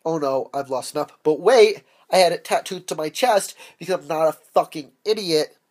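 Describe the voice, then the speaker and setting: A man's voice: fairly high pitch, expressive, moderate pace, a little mellow. A man voicing a panicky young male movie hero, squealing melodramatically. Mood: panicked.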